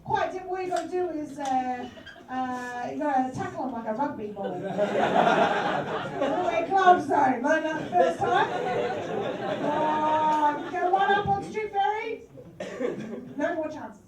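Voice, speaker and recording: At a live comedy show, a woman plays a cheerful tooth fairy for animals, improvising playfully in a rambling way full of fillers. Her high voice has lively intonation, slow with frequent pauses, recorded from far away in an echoey room with a loud crowd and heavy background noise.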